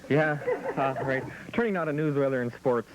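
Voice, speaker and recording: A man hosting an amateur comic talk show, introducing guests with mock-formal, deadpan patter. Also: mid-range voice, normal speed, background noise.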